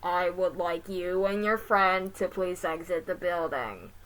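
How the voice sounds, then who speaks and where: A woman voicing a menacing mall security robot that speaks slowly and formally. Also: on the low side, fairly bright tone, rough recording. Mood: cold warning. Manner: slow, stiff, polite but threatening.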